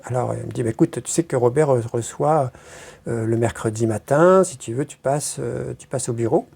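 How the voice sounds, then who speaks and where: A woman's voice: extremely low pitch, fairly quick, gravelly, dark tone, breathy edge. A woman being interviewed, telling stories in a rambling casual way, with many hesitations and crude slang. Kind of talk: casual storytelling.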